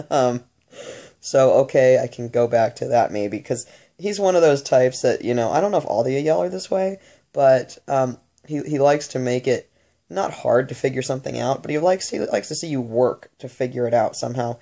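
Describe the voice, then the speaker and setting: A woman muses aloud in an unscripted monologue, her voice mellow and dark. She stops and starts often, filling gaps with ums and restarting her phrases as she works through her thoughts. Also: a bass voice, lively intonation. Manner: halting, with many fillers and restarts. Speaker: channeler recounting spirit messages.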